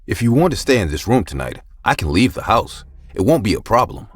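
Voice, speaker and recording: A man's voice: sing-song, a little fast, husky, no echo, studio quality. A man voicing a weak, nervous homeless drifter. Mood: uneasy. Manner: low, quiet voice.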